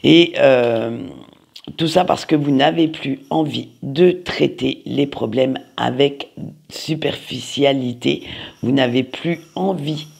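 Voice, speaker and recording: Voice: medium pitch, slow, creaky, breathy edge. A card reader giving a playful, chatty weekly reading, talking straight to viewers, often searching aloud for words and tagging lines with "hein". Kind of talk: weekly tarot and oracle reading video.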